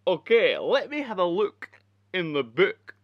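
A man playing a brash hotel owner who puts on a Scottish accent, loud, jolly and leering. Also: sits high, very animated, measured pace, no echo, highs cut off, full character voice. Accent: put-on Scottish.

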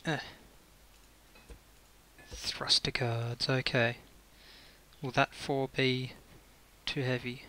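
A gaming video creator mutters and thinks aloud while building, offering casual gameplay commentary. His mid-range voice barely shifts in pitch and comes out very slow, with frequent pauses and a bright, forceful tone, over faint hiss and clicking.

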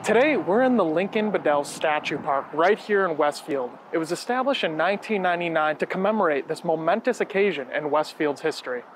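A man's voice: on the high side, a little hiss or hum. Man hosting a history program. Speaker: museum program host. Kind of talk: scripted historical narration.

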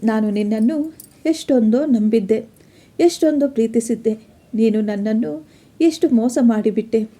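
A woman's voice: on the high side, normal speed, long pauses, mellow, natural voice. A woman voicing a betrayed young student, pleading and accusing.

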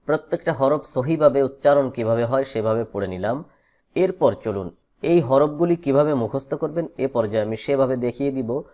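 Mellow-voiced man teaching Quran letters. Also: medium pitch. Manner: slow drawn-out chanting of letter names; patient instructional explanation. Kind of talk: online Quran reading lesson.

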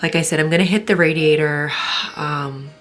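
Low-voiced woman narrating home cleaning. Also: normal speed. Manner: chatty, practical, relaxed explaining. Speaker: cleaning vlogger. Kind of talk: casual voice-over narration.

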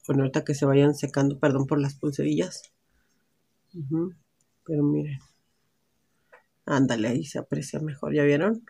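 Her voice sits low and sounds creaky, mellow and slightly rough. This Mexican-accented woman is a beauty vlogger doing a casual lipstick try-on at home, talking and thinking aloud in natural indoor light.

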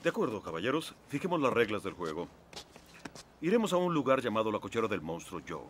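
An actor playing a brisk, commanding middle-aged underworld fixer in a dubbed film, with clipped, dryly sardonic authority. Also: male voice, fairly low pitch, big pitch swings. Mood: stern, sardonic. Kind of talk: dubbed film dialogue in Spanish. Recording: film soundtrack with faint background noise.

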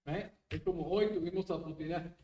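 A man's voice: a little high, fast talker, warm tone, reverberant, recorded from a distance, poor audio. A man leading a Bible study as pastor, talking animatedly and dropping English tag words into his teaching. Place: church.

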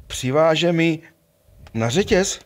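A man's voice: a little high, lively intonation, lightly acted. A man playing an obliging, clownish servant in a rhymed puppet play, comic and folksy. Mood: eager, clownish.

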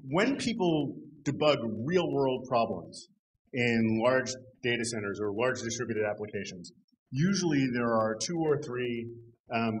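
A middle-aged man presenting a technical talk at a conference, relaxed and conversational, with dry humor and frequent "um"s. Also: mid-range voice, a little hiss or hum, poor audio. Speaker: conference speaker. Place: conference hall.

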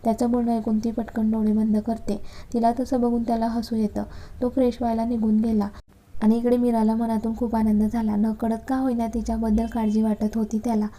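Woman reading a story in a flat, dark voice. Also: on the high side. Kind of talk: reading a romance story aloud.

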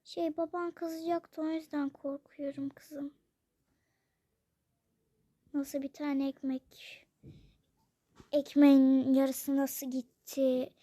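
A child doing a soft-spoken, anxious mother who soothes her daughter in a toy role-play game. She talks slowly and quietly in a very high voice, recorded close and dry. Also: little pitch movement, no echo. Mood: worried. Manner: soft and soothing, often hushed. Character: gentle worried mother comforting her daughter.

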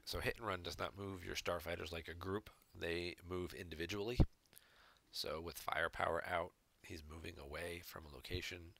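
Man, deep bright voice, card game commentary, analytical, dry close mic. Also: gravelly, no echo. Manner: analytical, explains plays step by step. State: hiccups. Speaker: game reviewer. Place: home room.

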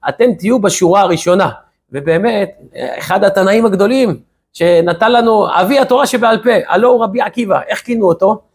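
Male rabbi teaching the weekly portion; raised pitch with a breathy edge, animated storyteller. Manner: lively storyteller asking rhetorical questions. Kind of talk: weekly Torah lesson.

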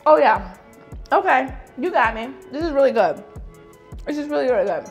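A woman's voice: sits high, animated, moderate pace, dull audio, faint music behind. A young woman co-hosting a TV cooking show in a studio, bubbly and enthusiastic, laughing often, on a lapel mic. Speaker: co-host. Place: TV studio set with city backdrop.

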